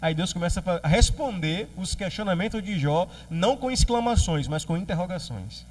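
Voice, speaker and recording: A man with a Brazilian Portuguese accent preaching a sermon as pastor, lively and joking, acting out quoted voices. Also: high-pitched, brisk, far from the mic.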